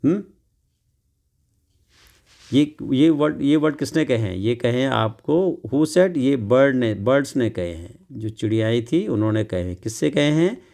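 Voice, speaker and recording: A man tutoring English from a children's workbook, explaining slowly and repeating each word, asking questions and answering them himself. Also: mid-range voice, animated, gravelly, dark tone. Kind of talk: classroom lesson explaining a workbook.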